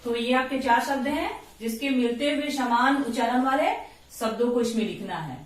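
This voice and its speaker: A woman school teacher giving a recorded lesson for children, slowly repeating each word and answer. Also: a little high. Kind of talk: slow recorded Hindi class lesson. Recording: very echoey room, voice from far off.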